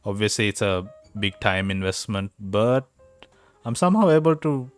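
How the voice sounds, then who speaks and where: A man's voice: on the low side, animated, moderate pace, smooth, soft background music. A young man co-hosting a podcast, chatting casually and joking, rambling with many fillers over a home mic that sometimes cuts out. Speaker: podcast co-host. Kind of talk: casual chat. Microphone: home mic over a voice call, sometimes cutting out.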